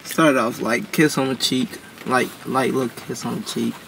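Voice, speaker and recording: A man's voice: mid-range voice, steady tone, normal speed, gravelly, background noise. A man chiming in with jokes and questions during a casual truth-or-dare game. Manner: joking sidekick chimes in. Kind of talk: casual chat.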